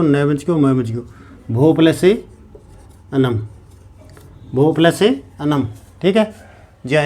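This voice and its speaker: A man's voice: a little high, a little mellow. A man teaching a grammar lesson, repeating each step and answering his own questions. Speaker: Sanskrit teacher.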